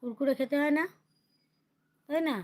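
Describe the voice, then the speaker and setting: A young woman, a mother on a livestream, talking to her small child in a coaxing, gently scolding, sing-song way. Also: sits high, steady tone, moderate pace. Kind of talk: casual talk to a toddler on a livestream.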